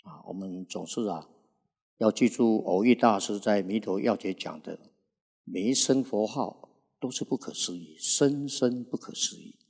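A man in his sixties, a Buddhist monk, gives an unhurried sermon and fills his pauses with long, drawn-out "ah" sounds. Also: fairly low pitch, vocal fry, darkish tone, husky. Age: 60s. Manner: unhurried preaching, frequent drawn-out "ah" fillers. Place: Buddhist recitation hall. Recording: reverberant hall recording.

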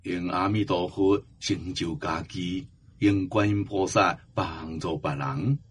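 A man giving a Buddhist Dharma talk, slow and emphatic, drawing out the ends of his phrases. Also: low-pitched, steady tone, breathy edge. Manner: slow, emphatic exhortation with drawn-out endings. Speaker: Buddhist teacher.

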